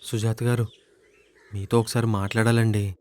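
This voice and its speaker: An actor playing a shy, earnest young man in love, speaking softly and pleading. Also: fairly high pitch, fairly quick, close to an everyday voice. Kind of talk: romantic comedy web series acting.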